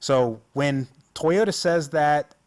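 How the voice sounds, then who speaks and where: A man's voice: a little high, takes it slowly, a little mellow. An American man, host of an off-road channel, giving casual, enthusiastic and self-mocking commentary over trail footage. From United States.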